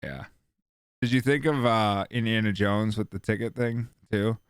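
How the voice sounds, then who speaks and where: Low, smooth-voiced man chatting on a podcast. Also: normal speed, dry recording, clean studio sound. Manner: laughs often, relaxed agreeing. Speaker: podcast co-host. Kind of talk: casual chat.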